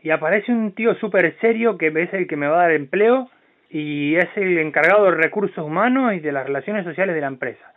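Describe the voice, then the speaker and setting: A man hosting a podcast, talking in a blunt, profane, animated way. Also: sits high, brisk. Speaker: podcast host. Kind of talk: casual podcast chat. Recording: tinny phone-like sound.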